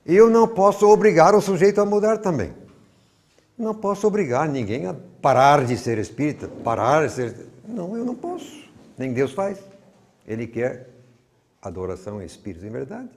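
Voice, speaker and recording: A man's voice: on the high side, sing-song, moderate pace, a little mellow. An older man from Brazil with a Brazilian Portuguese accent, giving a rambling, conversational teaching talk full of personal stories. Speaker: Bible teacher.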